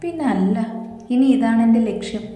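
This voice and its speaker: A woman's voice: fairly high pitch, lively intonation, normal speed, mellow, heavy reverb, long reverb tail, faint music behind, natural voice. A woman voicing a cheerful, determined young woman in a storybook reading, playful and eager.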